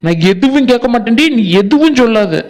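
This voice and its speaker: A man voicing a sharp-tongued village woman in a cartoon, scolding and insulting her friends. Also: very high-pitched, animated, a little fast. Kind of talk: cartoon voice acting.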